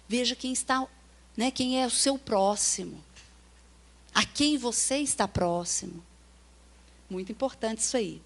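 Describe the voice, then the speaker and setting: A woman with a Brazilian Portuguese accent giving a chatty sermon at a retreat, often checking in with her listeners and acting out little quoted voices. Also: on the high side. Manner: chatty, keeps checking in with the audience. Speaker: preacher at a workers' retreat. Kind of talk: conversational sermon.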